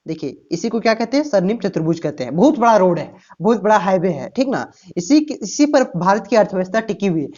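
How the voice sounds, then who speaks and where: A woman's voice: mid-range voice, very animated, fast talker, dark tone. A woman teaching an exam-prep lesson to students, often asking a question and then answering it herself. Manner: explains with rhetorical questions, repeats "ठीक ना" and "प्यारे बच्चों". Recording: dull lo-fi recording.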